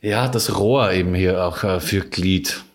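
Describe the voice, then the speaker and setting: Ein Mann mit Wiener Akzent, Co-Moderator eines Podcasts, plaudert locker und witzelnd in kräftigem Dialekt. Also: male voice, low voice, measured pace. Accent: Viennese. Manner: laid-back, joking, heavy dialect slang. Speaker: podcast co-host. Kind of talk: casual chat.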